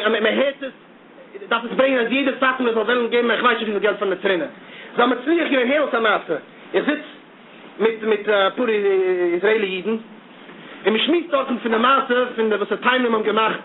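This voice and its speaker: A man's voice: high voice, fairly quick. A man giving an impassioned monologue who repeats himself and stammers as he gets heated. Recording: tinny phone-like audio with faint noise.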